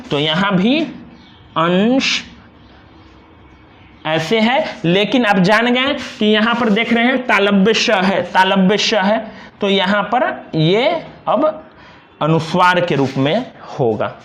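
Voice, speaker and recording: A young man teaching a grammar lesson, slowly and patiently repeating each example word. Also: high-pitched, fairly bright tone, reverberant. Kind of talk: classroom lesson explaining examples on a board.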